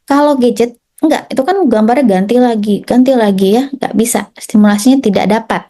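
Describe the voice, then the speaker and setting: A woman pediatrician gives a relaxed health talk to parents. Her voice is mellow and warm, sitting a little high. She chats along, tags her sentences and slips into little acted-out quotes. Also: fairly quick. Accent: Indonesian. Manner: chatty, repeats tag "ya" and "gitu", acts out quotes.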